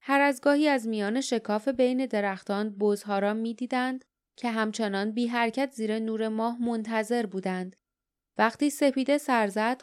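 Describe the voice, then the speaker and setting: Clear-voiced woman reading an audiobook. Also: on the high side. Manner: steady storytelling reading. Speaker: audiobook narrator. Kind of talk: scripted audiobook narration.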